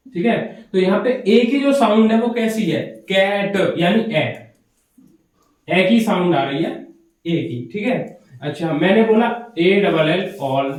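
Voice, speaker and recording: Male English teacher, high voice, lecturing and quizzing the class, distant camera mic in a very echoey hall. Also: a little mellow. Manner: explains step by step, asks and answers his own questions. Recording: very echoey room, voice from afar.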